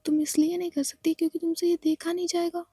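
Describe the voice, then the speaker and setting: A woman voicing a calm, teasing young woman who is injured, in a whispered role-play. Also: very high voice, quick pace, dry recording.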